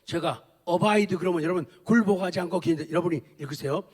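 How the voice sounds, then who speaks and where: A man preaching a sermon with emphatic repetition, swinging between loud declarations and quiet, intimate asides. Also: sits high, fast talker. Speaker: pastor.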